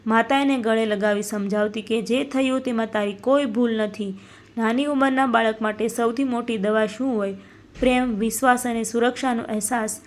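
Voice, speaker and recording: A woman reading a scripted moral story in a steady, solemn narrating voice. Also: a little high, moderate pace.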